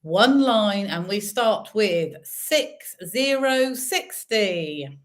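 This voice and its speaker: Calling bingo in a mid-range voice with lively intonation, this woman announces each number one digit at a time, with long pauses in between and casual, chatty remarks to the players.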